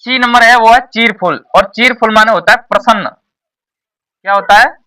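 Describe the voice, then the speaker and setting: A man's voice: high voice, normal speed, sharp tone, recorded from a distance. A man teaching an exam-prep lesson to a class, repeating each point and quizzing the pupils. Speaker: tuition teacher.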